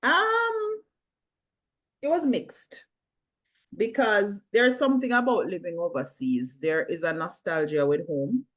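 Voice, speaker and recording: This interview guest is a middle-aged filmmaker and actress with a Jamaican accent who laughs a lot and drifts into patois during the casual chat. She speaks slowly in a mid-range, fairly bright voice with lively intonation.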